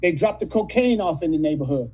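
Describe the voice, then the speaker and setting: A man in his late fifties from California, telling rough, profane stories as a guest in a casual interview. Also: a little high, animated, fast, a little mellow, rough recording. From California, USA. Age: 50s. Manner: profane, rambling, street-talking storyteller. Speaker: actor guest.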